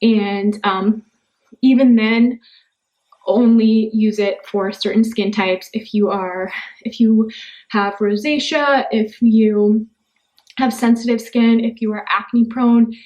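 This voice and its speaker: Talkative young woman esthetician doing a skincare vlog, voice on the higher side. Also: fairly even intonation, slow, darkish tone. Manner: chatty and talkative. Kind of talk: casual skincare tutorial.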